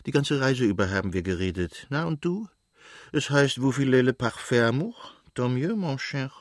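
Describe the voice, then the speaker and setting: An affectionate old countess who chatters fondly and fusses over those she likes, as a male narrator puts her on. The voice is lifted high above his own, and the reading is close and dry. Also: expressive, normal speed, no room sound, lightly acted. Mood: doting. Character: elderly aristocratic countess, fond, gushing mother.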